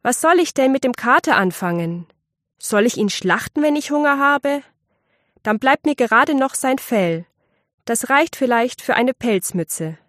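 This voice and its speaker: A wronged young miller's son, as a woman puts him on, with a raised, somewhat high voice and quick, protesting speech. He pleads and complains in a plain, dry read with no room around it. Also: no room sound, lightly acted. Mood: indignant.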